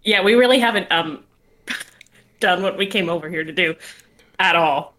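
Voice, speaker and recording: A woman's voice: on the low side, a little slow, a bit bright. A woman playing a tabletop role-playing game, talking casually in character, laughing often and hedging with fillers.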